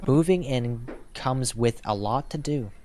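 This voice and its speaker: A man's voice: medium pitch, a little slow, warm tone, slight background noise, poor audio. A man commenting on a game as he plays, reading text aloud and musing to himself in a thoughtful way. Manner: thoughtful, reflective, talks to himself while playing. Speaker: gaming YouTuber.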